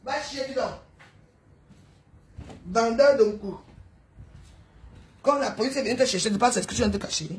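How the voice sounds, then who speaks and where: Indignant widow, high and insistent, recorded at home in a roomy space. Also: female voice, brisk, long pauses, background noise. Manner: emphatic, repetitive, peppered with tag questions. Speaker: widow ranting about her neighbors. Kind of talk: emotional monologue. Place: at home in an apartment building.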